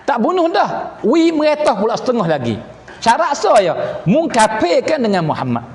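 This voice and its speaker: A man's voice: extremely high pitch, wildly swooping pitch, normal speed, voice pushed up, heavily acted. A man with a Patani Malay accent voicing a proud, threatening king who bargains and commands. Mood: commanding. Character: proud threatening foreign king, male adult. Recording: echoey hall reverb.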